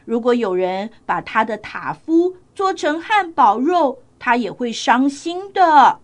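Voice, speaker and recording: Slow, high-voiced woman storyteller. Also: sing-song. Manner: gentle, coaxing, addresses children directly. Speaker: children's storyteller. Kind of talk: children's story narration.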